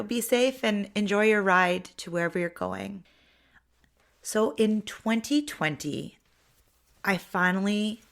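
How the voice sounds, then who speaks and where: A woman's voice: medium pitch, a bit bright. A middle-aged woman from Ontario, hosting her own podcast in a chatty, reflective monologue full of restarts. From Ontario, Canada. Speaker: podcast host.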